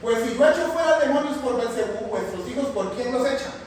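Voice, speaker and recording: A man teaching a Bible class in a lively way, often putting questions to the class. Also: extremely high pitch, fairly quick. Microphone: far from the mic. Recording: echoey hall from far off, faint noise.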